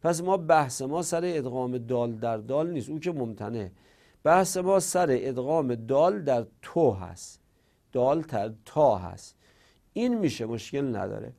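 A man teaching a grammar lesson, patiently explaining rules and repeating examples slowly. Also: medium pitch, animated, gravelly, dark tone. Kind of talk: classroom lecture.

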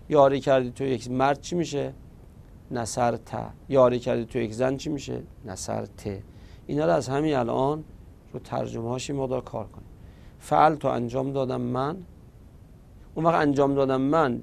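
A man with a gravelly, mid-pitched voice walks through a recorded grammar lesson. He drills each verb form patiently and repeats them one after another. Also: a little mellow. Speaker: Arabic grammar teacher.

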